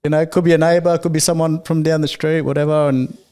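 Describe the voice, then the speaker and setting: A man's voice: a little high, quick pace, smooth. A man from Fiji co-hosting a casual chat show, telling stories and acting out what people said. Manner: animated storyteller, acts out quotes. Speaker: podcast co-host.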